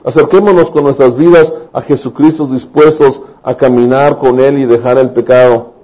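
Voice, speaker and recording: A man preaching a sermon, telling Bible stories in an animated way and acting out the voices. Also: medium pitch, normal speed, muffled recording.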